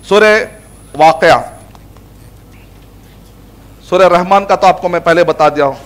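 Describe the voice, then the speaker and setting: High-voiced male Islamic lecturer. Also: a little slow. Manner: explanatory, mixes in English words and Arabic recitation. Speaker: Islamic scholar teaching Quran. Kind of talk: religious lecture.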